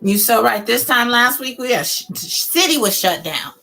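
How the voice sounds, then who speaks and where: A woman's voice: a little high, lively intonation, normal speed, creaky, bright, forceful tone, faint music behind. A woman in casual chat on a crafting stream, easygoing and welcoming viewers.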